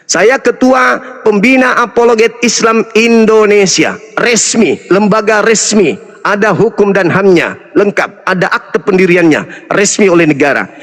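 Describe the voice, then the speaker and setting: A man's voice: high-pitched, animated, measured pace, fairly bright tone, in a large hall. A man, an Islamic apologist, lecturing and taunting his opponents in a combative interfaith debate.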